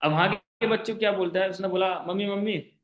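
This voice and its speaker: A man runs an online class as a sales trainer, pressing his listeners with rhetorical questions and checking again and again that they follow. His voice sits a little high. The sound is roomy and echoey, like an online call from a bare room. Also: quick pace, dull audio. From India. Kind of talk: persuasive sales pitch.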